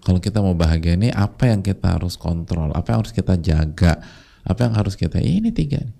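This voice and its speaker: A man's voice: low voice, animated, quick pace, vocal fry, warm tone. A male preacher giving a casual, chatty sermon to a congregation, sometimes briefly mimicking the voices of his listeners.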